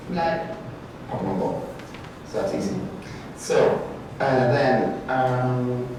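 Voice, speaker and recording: The middle-aged guest speaker from Peru, who lectures at an art faculty, presents at a conference at a medium pitch, haltingly searching for English words and correcting himself. Captured by a far room camera without a mic in a large brick-walled indoor hall, the audio is very echoey with background noise.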